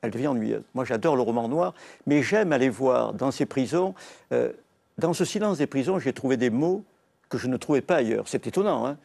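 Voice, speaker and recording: On a televised literary program, an older novelist from Marseille, speaking with a southern French accent, recounts stories with earnest animation, quoting and repeating lines. His mid-range, darkish voice moves fairly fast and carries vocal fry.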